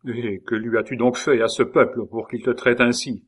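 A man reading aloud, voicing an excitable, fussy male king who exclaims often. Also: medium pitch, normal speed, close to an everyday voice. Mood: startled. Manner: exclaiming, fretful. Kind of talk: audiobook reading.

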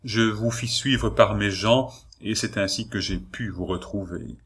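A man's voice: lowish voice, unhurried, a bit bright, breathy edge. A man reading aloud voices a frail, frightened young noblewoman telling her plight in a plaintive, lamenting way. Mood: sorrowful.

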